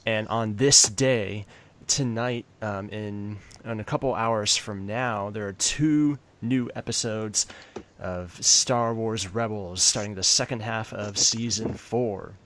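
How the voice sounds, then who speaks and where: A man hosting a casual podcast, steering the panel with an easygoing, halting manner. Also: fairly low pitch, fairly bright tone, slight background noise. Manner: easygoing, leads the talk, hesitant fillers. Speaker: podcast host. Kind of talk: casual chat.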